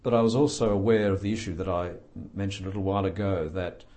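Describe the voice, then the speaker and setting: A man's voice: low voice, fairly even intonation, quick pace, warm tone. An older man and author being interviewed, talking thoughtfully with dry humor and plenty of hesitations. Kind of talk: reflective interview talk.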